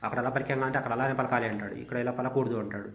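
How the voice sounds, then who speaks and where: A man teaching Sanskrit in a lecture, reciting verse lines slowly and then explaining them at length. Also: mid-range voice, fairly even intonation, creaky, echoey room.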